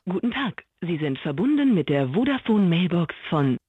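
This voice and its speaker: A woman's voice: lowish voice, big pitch swings, normal speed, breathy edge. A woman's recorded voicemail greeting, a polite and formal automated mailbox announcement played over a phone. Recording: tinny phone line with faint hiss.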